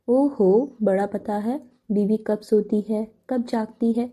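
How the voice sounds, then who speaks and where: A woman's voice: medium pitch, steady tone, warm tone, natural voice. A woman voicing a teasing, curious young man who prods his friend with questions, in a novel audiobook.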